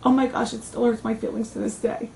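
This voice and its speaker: A woman talk show host telling a personal story in casual chat, animated and emotional. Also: fairly high pitch, quick pace, gravelly, slight background noise, poor audio.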